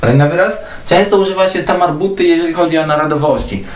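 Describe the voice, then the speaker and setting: A man teaching a language lesson, spelling words out letter by letter and repeating each word slowly several times. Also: on the high side. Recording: echoey room, mic at a distance.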